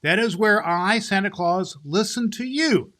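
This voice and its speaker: A man playing a kindly old Santa Claus, hosting a children's story show in a halting, explanatory way. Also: high voice, expressive, a bit bright.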